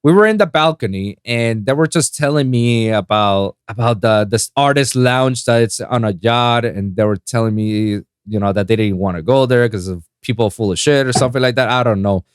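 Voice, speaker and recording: A Puerto Rican man who speaks Spanish natively, with a Spanish accent, hosts a podcast in a casual chat, telling stories animatedly and restarting often. His mid-range voice moves at normal speed with few pauses and sounds smooth. The studio-quality recording has no echo.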